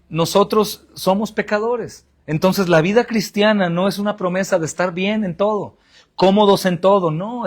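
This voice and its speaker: A male pastor with a Mexican Spanish accent preaching a sermon, asking rhetorical questions and answering them, often calling the congregation brothers. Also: sits high.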